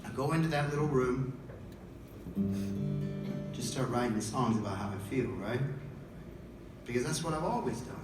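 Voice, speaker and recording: A man's voice: mid-range voice, normal speed, long pauses, over loud music. Male singer, spoken story between songs; raw, profane; roomy distant live sound. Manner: raw, profane, swings from hushed to shouting. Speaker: singer telling his story on stage. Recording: echoey live venue from far off, loud crowd.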